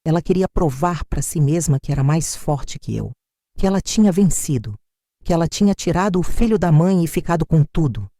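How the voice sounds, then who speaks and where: A woman's voice: sits low, animated, moderate pace, mellow, no room sound, clean studio sound. An older woman narrating her own family story with emphatic, short, wounded sentences. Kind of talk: first-person dramatic storytelling.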